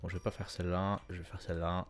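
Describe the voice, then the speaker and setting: A young man casually commenting on his own video game run, chatty and self-correcting with sudden excited bursts. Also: low voice, very fast, a little hiss or hum. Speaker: gameplay commentator. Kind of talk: casual let's-play commentary.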